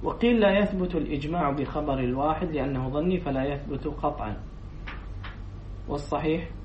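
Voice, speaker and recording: With a fairly high voice and a slightly fast delivery, a man teaching as a sheikh reads and explains a text line by line, quizzing students and repeating their responses. A distant, dull mic captures him in an echoey room with faint noise.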